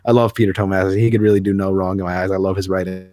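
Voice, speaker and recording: This podcast co-host has a deep, level, darkish voice and speaks very fast in a casual chat about comics. His talk wanders and hesitates, with frequent self-corrections. The sound is dry and studio-clean.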